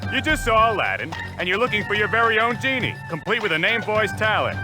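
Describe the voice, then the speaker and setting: An actor playing a dry, mocking market lamp seller in a cartoon video game. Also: male voice, sits high, very animated, fast. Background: game music.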